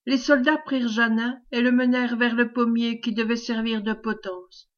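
A woman reading a classic novel aloud as an audiobook, measured storytelling. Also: fairly high pitch, fairly even intonation. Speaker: audiobook reader. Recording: dull lo-fi recording.

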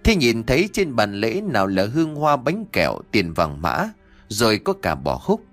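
A low-pitched man narrates a spooky audio story with a lively, expressive rise and fall. Faint music plays beneath his voice throughout. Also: moderate pace.

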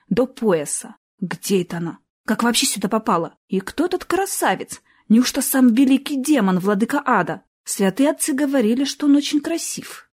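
A woman reading a fantasy novel aloud as an audiobook narrator, with expressive, lively storytelling. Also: mid-range voice.

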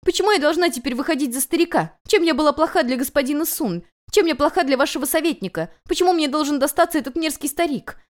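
A woman voicing a young runaway noble girl in a storybook reading, high and indignant. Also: very animated, brisk, darkish tone. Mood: sobbing outrage. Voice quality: high, shrill and pleading.

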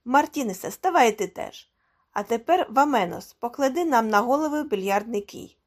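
A woman's voice: a little high, normal speed. Woman voicing a pushy young ringleader. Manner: loud, pushy and excited. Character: eager young man, bossy ringleader of friends.

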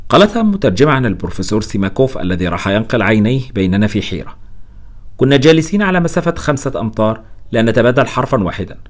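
Fast, animated male storyteller. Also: mid-range voice. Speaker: narrator. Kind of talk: audiobook narration.

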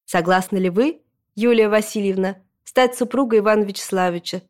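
A woman voicing a pompous middle-aged female registrar in a storybook reading, speaking in a solemn, ceremonial, drawn-out way. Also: mid-range voice, a little mellow, lightly acted.

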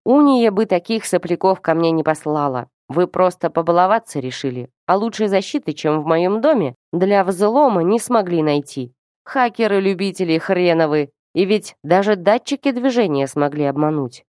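A woman reading a story who voices a suspicious old man interrogating two youngsters in a curt, sharp manner. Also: lowish voice, expressive, moderate pace, no room sound, studio quality, lightly acted. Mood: angry scolding.

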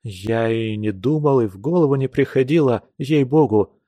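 A man's voice: mid-range voice, moderate pace, dark tone, no echo, lightly acted. A man reading an audiobook, voicing an impulsive, eager young man who pleads his case. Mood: pleading.

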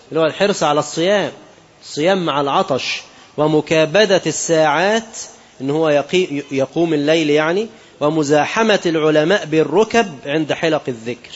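A preacher with a fairly high pitch delivers an Islamic sermon in an Egyptian Arabic accent, captured with lo-fi sound. Alternating classical quotes with everyday asides, he keeps asking his audience questions.

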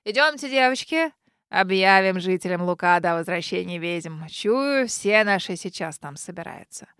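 A woman reading an audiobook, voicing a lively, bossy old witch grandmother who talks loudly and brashly. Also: a little high, normal speed, clean tone, dry recording, clean studio sound. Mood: brash, merry. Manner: loud, laughing and brash. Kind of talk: audiobook character voice.

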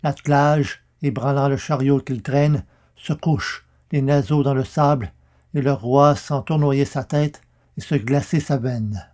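Slow, solemn male poetry reader. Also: medium pitch, a little mellow. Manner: slow, measured, solemn recitation. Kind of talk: recited narrative poem.

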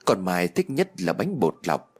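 A man narrating an audio story in an expressive storytelling manner. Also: sits low, measured pace, breathy edge.

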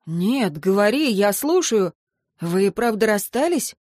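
A woman puts on a young man in an audiobook who talks to his upset best friend. His voice is hushed and soothing. The recording is dry and close. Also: mid-range voice, sing-song, measured pace, dry recording. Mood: concerned. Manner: hushed, then soft and reassuring.

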